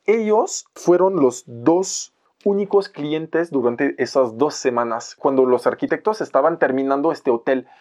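A young man from France with a French accent, a photographer telling an animated story in a podcast conversation and mixing in Mexican slang. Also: mid-range voice, a little slow. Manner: animated, playfully acts out other people's lines in raised voices, uses Mexican slang. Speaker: photographer guest.

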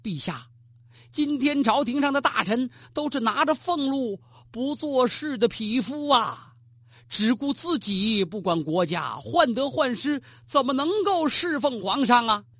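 A storyteller putting on a scrawny but hot-headed male official who bellows his accusations before the throne, his husky voice leaping up and down in pitch. It is a dry, close storytelling recording. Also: animated, a little slow, no echo, heavily acted. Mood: indignant. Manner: shouting, impassioned. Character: blunt fiery male county official pleading at court.

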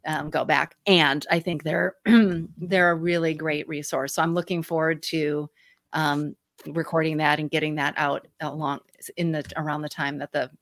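A woman's voice: low-pitched, level tone, moderate pace, a bit bright, dry recording, clean studio sound. A woman with a twangy American Midwestern accent speaks casually and expressively as an interview guest. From Michigan, US. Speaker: guest, author.

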